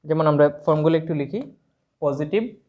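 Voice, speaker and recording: A man's voice: on the high side, normal speed, darkish tone. A man with a Sylheti Bengali accent teaching an English grammar lesson, explaining step by step and spelling words out letter by letter. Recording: dull lo-fi sound.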